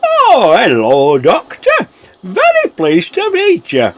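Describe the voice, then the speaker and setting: Man acting flustered old Santa, wildly swooping pitch. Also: huge pitch swings, takes it slowly, heavy background noise, full character voice. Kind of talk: radio play acting.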